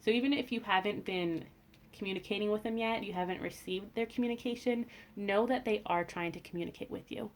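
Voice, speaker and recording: Gentle-voiced woman tarot reader. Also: mid-range voice, brisk, a little hiss or hum. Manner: gentle and reassuring, with fillers and restarts. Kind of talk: casual spiritual reading.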